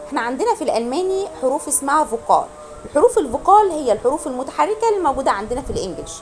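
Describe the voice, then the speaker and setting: A woman with an Egyptian Arabic accent teaching a beginner German lesson online. She drills pronunciation, repeats words slowly and quizzes her students. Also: fairly high pitch, a little hiss or hum.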